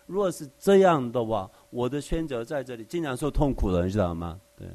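The speaker is a Bible teacher with a medium-pitched, darkish voice, animated and a little fast. In his conversational sermon he goes verse by verse, uses everyday examples, and often puts rhetorical questions to his listeners.

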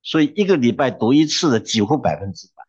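A man's voice: medium pitch, sing-song, quick pace, a little mellow, breathy edge, highs cut off. A man preaching a sermon, emphatic and exhorting, who drops into humorous storytelling.

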